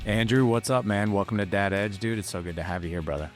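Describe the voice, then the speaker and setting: Midwestern male podcast host, low-pitched, energetic and casual, light music bed. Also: quick pace. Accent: Midwestern American. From St. Louis, USA. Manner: energetic, casual, filler-heavy. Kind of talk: podcast interview.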